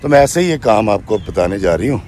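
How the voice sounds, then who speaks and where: A man narrates a true story for his viewers, retelling a woman's account in her own words with frequent "she says" and sometimes calling his listeners friends. His voice is lowish and darkish with lively intonation, and there's a little hiss or hum.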